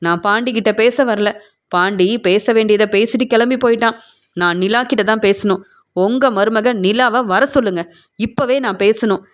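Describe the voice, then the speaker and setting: A woman reading as an indignant young woman, higher-pitched. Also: close to an everyday voice. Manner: accusing, argumentative. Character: angry young woman demanding her place in the family.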